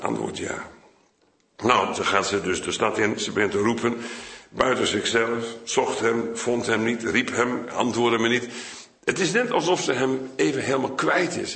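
An older man preaching a Bible sermon in Dutch, chatty and digressive, now and then jumping up high to act out quotes. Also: gravelly, fairly bright tone, echoey room. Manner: conversational, digressive, with sudden high-pitched acted quotes.

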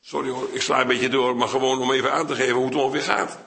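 Older Dutch-speaking preacher in a roomy hall. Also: male voice, fairly even intonation, fast, creaky, pushed and bright. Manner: conversational, digressive, with sudden high-pitched acted quotes. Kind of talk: Bible sermon.

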